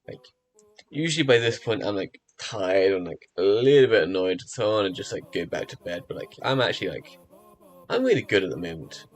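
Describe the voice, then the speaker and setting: On a live stream, a man chats casually and rambles, full of fillers and restarts, his fairly low voice slightly rough as if from early mornings. He sounds animated and brisk, with faint music in the background.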